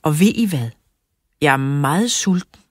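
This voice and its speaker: A cheerful, easygoing woman in pain from her back, read by a woman narrator in a children's audiobook. Her voice sits low and husky, recorded dry and close. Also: expressive, darkish tone, no room sound.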